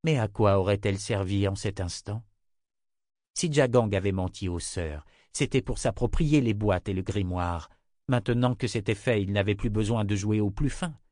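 A man reading a fantasy novel aloud as an audiobook narrator, in a steady, even storytelling manner. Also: lowish voice, normal speed, no echo, studio quality. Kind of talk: scripted narration.

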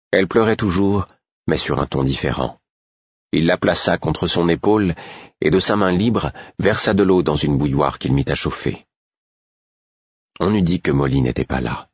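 A man narrating an audiobook in the first person, calm and measured. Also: low voice, slightly rough, no echo, muffled recording.

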